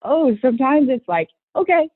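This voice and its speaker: A woman's voice: medium pitch, moderate pace, no echo. Earnest woman on a tinny phone line. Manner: earnest, restarts often, acts out voices when quoting. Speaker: guest running a youth horse program. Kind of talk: conversational interview.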